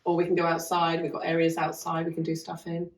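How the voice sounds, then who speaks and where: Woman, low voice, chatty and rambling, self-deprecating, recorded a little away from the mic in an echoey half-open barn. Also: monotone, fast talker, slight background noise. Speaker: guest running a farm learning hub. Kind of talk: casual podcast chat. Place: half-open converted cart lodge on a farm. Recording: echoey room, mic at a distance.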